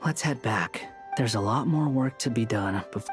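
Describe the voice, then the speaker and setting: A dry, no-nonsense young rescuer, voiced by a man speaks in brisk, matter-of-fact lines during a game cutscene. Game music plays softly under him. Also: mid-range voice, natural voice. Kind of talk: video game cutscene voice acting.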